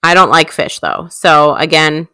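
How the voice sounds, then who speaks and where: Bright, crisp-voiced woman chatting casually. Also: low voice, steady tone, measured pace, dry recording. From Illinois. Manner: chatty, laughs easily. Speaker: co-host. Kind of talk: casual chat.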